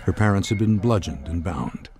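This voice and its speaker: Low-voiced man narrating true crime. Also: animated, normal speed, crowd noise. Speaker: documentary narrator.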